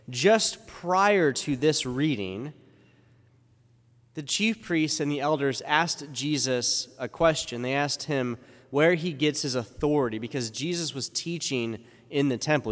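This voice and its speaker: A medium-pitched, slightly bright male voice reads the gospel and delivers a chatty homily full of rhetorical questions. The recording was made in a large church, so a long, cathedral-like echo trails his words.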